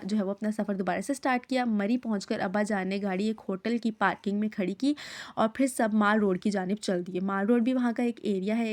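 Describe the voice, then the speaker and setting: A woman's voice: mid-range voice, a little mellow. A woman teacher from Pakistan leads a recorded Urdu lesson for her students. She reads the text aloud, explains each hard word in plain terms and keeps checking with "okay?".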